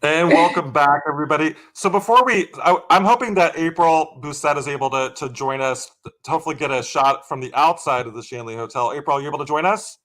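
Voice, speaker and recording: Man, host, bright tense voice, higher pitch, halting restarts. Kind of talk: live paranormal stream chat.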